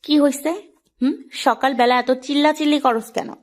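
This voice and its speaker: A woman's voice: high-pitched, steady tone, normal speed, close to an everyday voice. A woman voicing a rude, contemptuous young wife in an audio story. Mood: annoyed. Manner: harsh, contemptuous, bossy. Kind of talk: audio drama acting.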